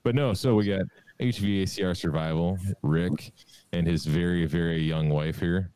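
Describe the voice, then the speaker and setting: A man's voice: low-pitched, steady tone, normal speed, background noise. A man hosting a trade podcast, opening the show with teasing jokes and casual banter. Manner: joking, teasing. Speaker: podcast host.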